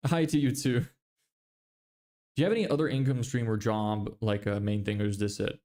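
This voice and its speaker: This young Lithuanian man, building a business through livestreaming, reads viewer comments and jokes about himself with an American-sounding accent. He is loose and self-deprecating, swearing casually and laughing often. His voice is on the low side, steady and dark in tone, at a moderate pace.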